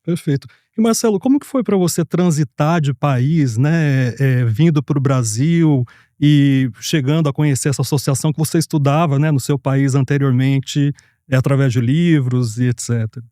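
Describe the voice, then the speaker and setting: Mellow male interview moderator. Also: medium pitch, normal speed, dry recording, clean studio sound. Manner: frequent tag questions. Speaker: journalist moderator. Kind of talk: interview questions.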